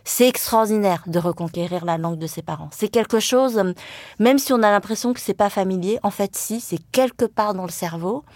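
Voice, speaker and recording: A brisk, mid-range, slightly mellow female voice comes through in dry, studio-quality sound. The speaker, a journalist and writer from France whose first language is Vietnamese, gives a reflective interview marked by hesitation, frequent fillers and restarts.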